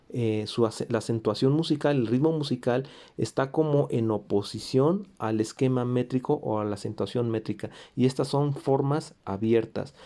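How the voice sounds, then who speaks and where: Guy teaching music theory, mellow low-key voice, lots of eh and restarts, hums rhythms sometimes. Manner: explanatory, with fillers and self-corrections; sings rhythms in syllables. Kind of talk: recorded music theory lesson.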